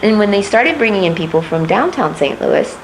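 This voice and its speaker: This political candidate, a middle-aged woman originally from Puerto Rico who grew up in Missouri, fields interview questions thoughtfully and with frequent pauses. Her mid-range voice has a sing-song quality, and the background is noisy.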